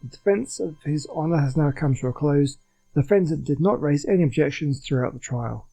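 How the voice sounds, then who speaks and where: A man's voice: a little high, fairly quick, gravelly, warm tone, faint music behind. A man doing a casual video game playthrough, reading in-game text aloud.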